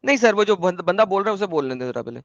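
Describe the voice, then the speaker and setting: A man's voice: high-pitched, animated, gravelly, a bit bright, no room sound. A man hosting a live-stream debate, arguing insistently and interrupting his caller, over dull lo-fi stream audio.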